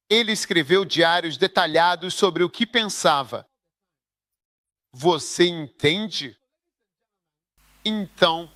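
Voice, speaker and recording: A man delivers a sermon as a voice-over, his voice pitched high and bright. He speaks emphatically and keeps turning to the audience with rhetorical questions. The sound is close and dry. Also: dry recording. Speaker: preacher.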